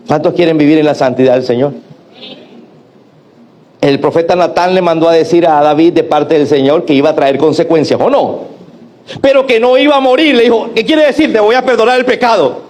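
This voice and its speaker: A male pastor preaches with animated energy in a fairly high voice. He acts out the lines of the people in his stories and keeps calling out to the congregation for a reply. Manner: animated preaching with acted-out quotes and call-and-response. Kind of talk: sermon.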